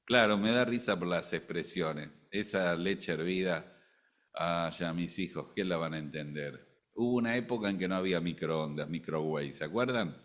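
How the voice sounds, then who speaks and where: An older man from Argentina with an Argentine Spanish accent, preaching a sermon in an animated way, with joking asides and bursts of loud emphasis. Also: low voice, normal speed.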